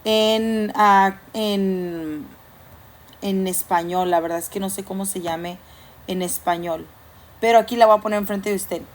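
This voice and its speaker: A woman's voice: medium pitch, fairly even intonation, unhurried. A woman preaching a church sermon in a conversational way, now and then acting out the voices people hear in their heads. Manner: conversational preaching, acts out inner voices and jokes.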